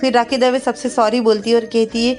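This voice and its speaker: A woman's voice: on the high side, level tone, fairly quick, darkish tone, faint music behind. A woman narrating an episode recap of a TV serial, telling it plainly and quoting the dialogue.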